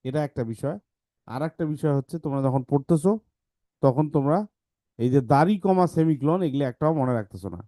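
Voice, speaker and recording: Male teacher, patient explainer, mellow voice, dry close sound. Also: a little high, no echo. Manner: explains patiently, reads examples slowly. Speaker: English teacher. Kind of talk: online class talk to kids.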